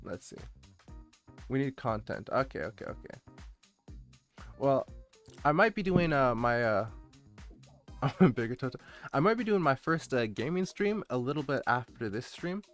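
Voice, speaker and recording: A man with a mid-pitched voice talks casually to his livestream viewers. He rambles hesitantly and drifts off track as he reads and answers them. Music plays in the background. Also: sing-song, normal speed, long pauses, a bit bright. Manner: rambling, hesitant, easily distracted. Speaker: streamer, VTuber introducing his channel. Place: indoor streaming setup, background music behind the voice.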